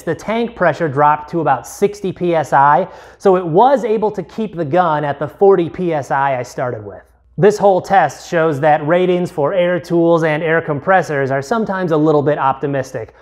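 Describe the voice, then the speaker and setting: A man's voice: a little high, a little mellow. A man in his thirties hosting a tool review channel, explaining a test step by step in a plain, methodical way from a home garage on a lapel mic. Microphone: clip-on lapel mic.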